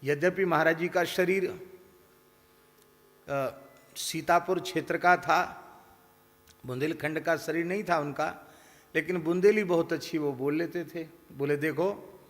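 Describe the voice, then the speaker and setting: Slow-speaking man in a reverberant hall. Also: on the high side, fairly even intonation. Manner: tells stories, mimicking village voices and shouts. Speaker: spiritual teacher. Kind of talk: devotional discourse with storytelling.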